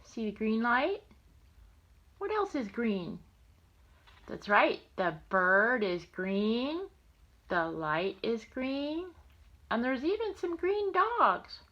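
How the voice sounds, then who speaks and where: Through a muffled recording, a grandmother's fairly high, sing-song voice moves slowly with long pauses. She gives an animated read-aloud of a picture book and chats affectionately and playfully with her young grandchild.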